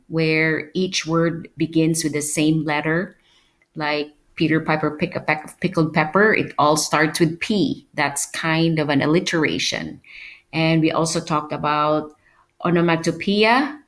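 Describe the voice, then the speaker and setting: A woman teacher explaining a lesson to her students, patient, and often checking in with "okay?". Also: low voice. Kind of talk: recorded online class lesson.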